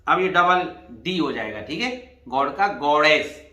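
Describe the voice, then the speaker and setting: A man's voice: on the high side, lively intonation, a little slow, sharp tone, reverberant. A man teaching an exam revision lesson, explaining patiently and spelling words out letter by letter. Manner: addresses students as "bhai".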